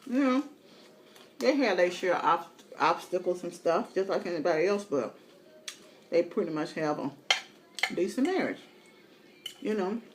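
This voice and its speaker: A woman's voice: lowish voice, expressive, moderate pace, pauses often, slight background noise. A middle-aged woman eating as she talks, telling candid, colloquial stories in a casual mukbang chat. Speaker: mukbang vlogger.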